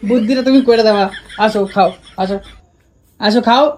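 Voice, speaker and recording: A woman's voice: on the high side, a little slow, background noise. A woman coaxing and teasing playfully as a vlog host in casual family banter.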